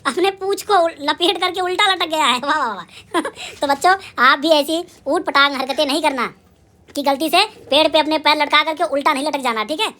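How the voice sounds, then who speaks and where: Woman schoolteacher, bright ringing voice; quizzes children and answers herself, cheering them on. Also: high-pitched. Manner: asks and answers her own questions; drawn-out sounding of syllables. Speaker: primary school teacher. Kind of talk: lively recorded lesson for young children.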